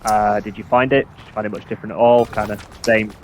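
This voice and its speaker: A man with a lowish voice co-hosts a casual live games chat. He talks quickly and asks short, curious questions. Faint background noise runs behind him. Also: little pitch movement. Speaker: co-host asking questions.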